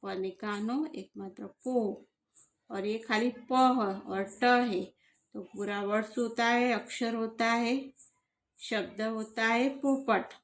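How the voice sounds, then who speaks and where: A woman's voice: medium pitch, slight background noise. A woman teaching a spelling lesson, patiently sounding out each syllable and repeating it.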